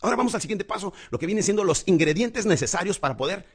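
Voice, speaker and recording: Rich: A man coaches public speaking in a husky, lively voice that leaps from high and loud to low and soft. He talks fast and with energy, calling the listener "champion". His tone is motivational and full of dramatic pauses. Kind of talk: motivational lesson.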